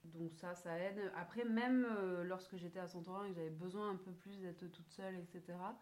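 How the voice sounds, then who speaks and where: A young woman guest in a casual podcast chat, talking hesitantly with many pauses and soft laughs. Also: lowish voice, steady tone.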